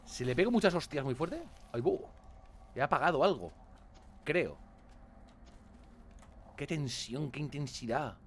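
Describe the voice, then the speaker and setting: Animated Spanish man playing games. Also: fairly high pitch, a little slow, long pauses, a little hiss or hum. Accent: Spain Spanish. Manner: animated, swears a lot, mock-dramatic outbursts. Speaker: gaming video host. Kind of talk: casual gameplay commentary.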